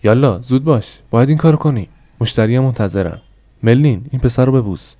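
A man's voice: fairly low pitch, sing-song, mellow, dry recording. A man voicing an agitated middle-aged shopkeeper father who scolds his daughter in a raised, insistent voice. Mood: scolding.

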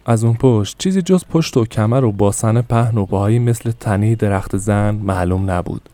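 A man narrating an audiobook podcast, telling the story in a calm, measured way. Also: fairly low pitch, no room sound.

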